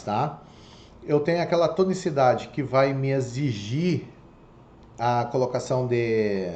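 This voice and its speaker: This online Portuguese teacher lectures step by step, often pausing to check understanding with "tá?" and "ok?". His voice is fairly high and a little mellow, heard in an echoey room with faint background noise.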